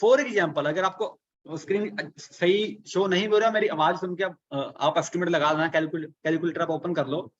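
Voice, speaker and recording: An online business coach with a fairly high voice leads a live productivity webinar, speaking at a normal speed with fairly even intonation. He repeatedly asks rhetorical questions and works through arithmetic step by step, while the audio sounds dull and lo-fi.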